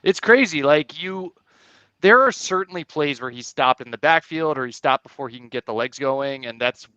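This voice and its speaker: A man co-hosting a sports podcast, giving quick, energetic game analysis in casual chat. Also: a little high, no echo. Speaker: podcast co-host. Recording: dull lo-fi sound.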